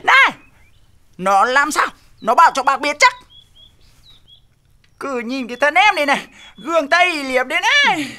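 A man's voice: very high-pitched, sing-song, moderate pace, pauses often, pushed and bright, full character voice. An actor playing a vain, frightened young husband who tells his woes dramatically in a comedy film. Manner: dramatic, exaggerated storytelling. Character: vain, scared young village husband, grumbling. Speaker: henpecked husband. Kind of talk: Tet comedy film acting.

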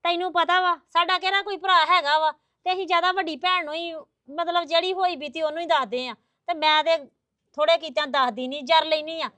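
A woman playing a meek young daughter-in-law who talks softly to calm her mother-in-law. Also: very high-pitched, brisk, no echo. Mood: soothing. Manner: soft, placating.

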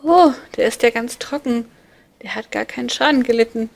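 A woman voicing a mischievous little boy, the love god Amor with his bow, in a high, loud, teasing voice for a read-aloud fairy tale. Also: moderate pace, creaky. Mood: cheeky. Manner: boastful, teasing.

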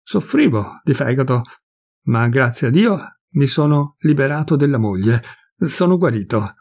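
A man's voice: mid-range voice, animated, moderate pace, gravelly, darkish tone. A man voicing a fat, jovial man in his fifties who gossips and confides, pleased with himself, in a storybook reading. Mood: chatty.

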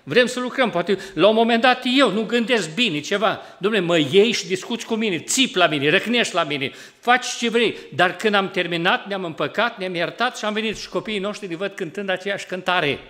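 A man with a Romanian accent preaching a sermon in a church. He talks in a lively way, gets loud to drive points home and acts out everyday quarrels in a colloquial voice. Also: high-pitched, hardly any pauses. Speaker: pastor. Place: church hall.

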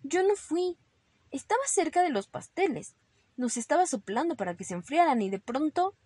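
A woman's voice: sing-song, moderate pace, dark tone, no echo. A woman voicing a little boy rabbit who fibs, stammering and pleading in a storybook read-aloud. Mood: fibbing. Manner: stammering, pleading and high-pitched. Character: fibbing little boy bunny, guilty and nervous.

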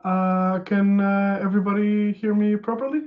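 A Portuguese man in his thirties gives a casual technical conference talk from a small room at home, using a headset. His voice sits high at a normal speed with the highs cut off, and he's relaxed, restarting sentences and using plenty of ums and uhs.

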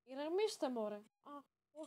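High-pitched excitable gamer woman. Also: background noise. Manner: excitable, frequent shouted exclamations. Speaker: gaming channel host. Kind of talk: live game commentary.

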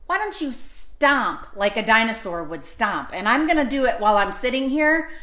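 A woman's voice: a little high, sing-song, moderate pace, sharp tone, reverberant. A woman hosting a children's storytime, reading picture books aloud and coaxing the kids to join in. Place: indoors, seated with books on her lap. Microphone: camera in front of her.

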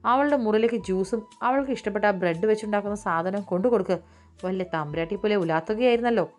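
A woman doing a sharp-tongued old grandmother. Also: mid-range voice, fast talker, close to an everyday voice. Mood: scolding. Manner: scolding, contemptuous.

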